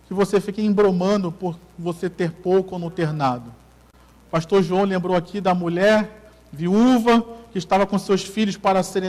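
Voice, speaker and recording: A man with a very high-pitched voice preaches a sermon in a large church hall. He is a Brazilian pastor with a Carioca accent who repeats key lines and questions his congregation.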